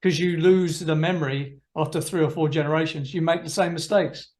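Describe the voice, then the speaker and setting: Middle-aged male host, somewhat high-pitched, wry and easygoing. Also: steady tone, a little fast, darkish tone. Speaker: podcast host. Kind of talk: casual podcast conversation.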